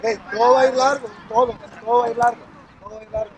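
A man coaches youth soccer from the sideline. His voice is pitched extremely high as he barks short commands and repeats them. The recording is outdoors on a field, with clear background noise around him. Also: level tone, racing, a little mellow. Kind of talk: shouting sideline instructions during a match. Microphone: picked up by sideline camera.

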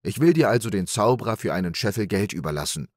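A man's voice: on the low side, animated, quick pace, no room sound, studio quality. A man voicing a sly, cheerful young peasant trickster in an audiobook fairy tale, in an eager, persuasive manner.

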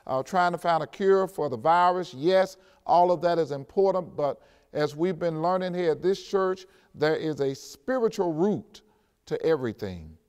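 A man's voice: on the high side, animated, darkish tone, clear, resonant tone. Older man preaching in a reverberant church. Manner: measured preaching, slowing and stressing scripture, addressing the congregation. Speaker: pastor. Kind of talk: sermon. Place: empty church sanctuary, at a clear pulpit.

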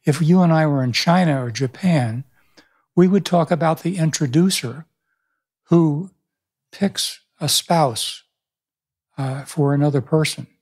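In a small indoor room, a boom-arm studio microphone records a pastor and author in his seventies with a fairly high-pitched, darkish voice. He tells stories thoughtfully during a reflective interview, often restarting his sentences.

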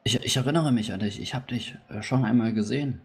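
A man playing an earnest, flustered priest in a tabletop game, halting and repeating his words. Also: medium pitch, a little mellow, a little hiss or hum, close to an everyday voice. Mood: tentative. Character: earnest, flustered male sea-god priest, trapped and struggling.

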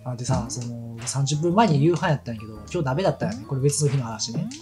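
Casting: rapid-fire Kansai-accented man, chatty let's-play rambler, game music underneath. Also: mid-range voice, expressive. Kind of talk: casual chat over gameplay.

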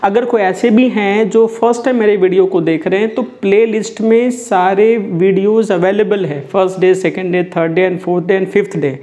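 A man's voice: high-pitched, steady tone, measured pace, few pauses, mellow. A man teaching a spoken English lesson, switching between Hindi and English and drilling example sentences.

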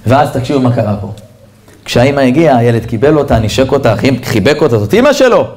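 A man, a rabbi, giving a storytelling sermon in an animated way and speaking straight to his listeners. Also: mid-range voice. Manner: animated storyteller who addresses listeners directly. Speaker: rabbi giving a Torah lesson.

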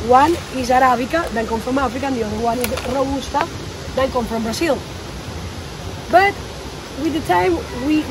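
A high-voiced woman in her thirties with a Colombian Spanish accent leads a coffee farm tour in lively, non-native English. She was recorded outdoors on a phone a few meters away. Steady background noise hisses under her voice. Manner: animated, gesturing while explaining, non-native English grammar. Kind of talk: guided tour explanation. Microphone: phone camera a few meters away.

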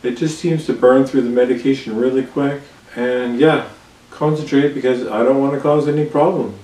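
Candid man in a roomy, distant recording. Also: mid-range voice. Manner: candid, relaxed, with frequent fillers and pauses. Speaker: vlogger. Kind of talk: casual personal vlog. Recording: roomy sound from a distant mic with faint background hiss.

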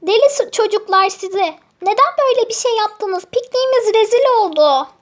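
A woman's voice: extremely high pitch, lively intonation, normal speed. A woman voicing an irritated young toy woman who scolds children for ruining her picnic in a toy storybook play. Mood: scolding.

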